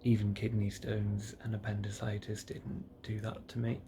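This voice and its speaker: This man is recording a casual, rambling vlog for his health diary while drowsy after surgery, speaking haltingly and softly, his phrases trailing off. His voice runs on the low side with vocal fry. He's indoors alone in a private hospital room, self-recording on a screened device, and the room noise is audible.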